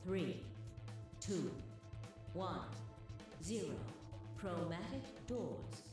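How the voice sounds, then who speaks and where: A voice actor giving a cold, automated announcement and countdown in a game, slow and flat. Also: mid-range voice. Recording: heavy echo. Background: game music.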